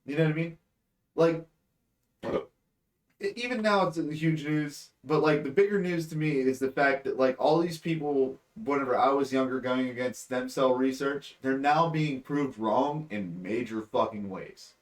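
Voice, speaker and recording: A man's voice: mid-range voice, normal speed. A man in his late twenties co-hosting a podcast, chatting casually and rambling with lots of fillers and swearing. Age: 20s. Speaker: podcast co-host. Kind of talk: casual chat.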